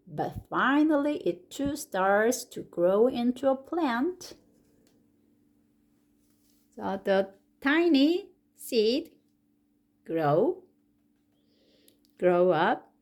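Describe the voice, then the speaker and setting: A woman with a Korean accent reads a children's story aloud in English, working as a picture-book reader and teacher. She takes her time, drawing each word out slowly and deliberately. Her slightly high voice rises with eager energy on the exclamations and exciting moments.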